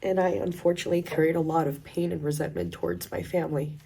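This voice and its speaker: Low gravelly woman giving earnest testimony. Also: big pitch swings, slight background noise. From Colombia. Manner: reflective and earnest, with pauses. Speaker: speaker sharing a faith testimony. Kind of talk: personal faith testimony. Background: soft instrumental music.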